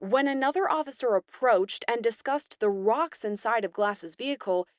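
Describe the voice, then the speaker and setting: A woman narrating a news report in a measured, neutral scripted voice-over. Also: fairly high pitch, slight background noise. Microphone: studio voice-over mic.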